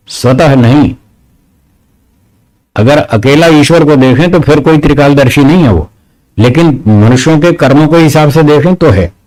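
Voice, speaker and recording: A man's voice: mid-range voice, a little mellow, low-quality recording. A man, a spiritual teacher answering audience questions, explaining step by step with rhetorical questions and firm corrections.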